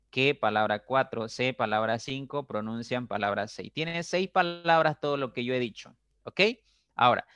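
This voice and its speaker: A male teacher giving a recorded lesson, patient and repetitive, often checking understanding and stretching words slowly to show stress. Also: medium pitch, fairly bright tone, clear, resonant tone, no echo, studio quality.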